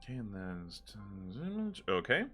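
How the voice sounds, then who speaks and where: A man narrates a tabletop game as its game master, relaxed and prone to laughter. His voice is on the low side but very animated, with a bright tone. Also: moderate pace, soft background music.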